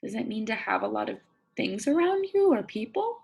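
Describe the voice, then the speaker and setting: Acting as a teacher of small children, a woman reads a nonfiction book in an expressive, deliberate way, asking listeners questions and reasoning aloud in simple terms. Her fairly high voice has vocal fry and a breathy edge, and the highs are cut off.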